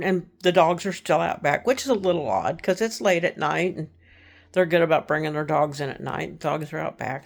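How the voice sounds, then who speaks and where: A woman from Texas tells a true crime story in a chatty, casual way. Her voice sits a little low with a gravelly edge. She acts out the quoted people and sinks into hushed tones.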